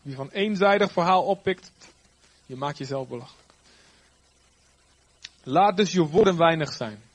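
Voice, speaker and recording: A man preaching a sermon, swinging from loud, emphatic lines to quiet, trailing ends. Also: fairly high pitch, animated, moderate pace, husky.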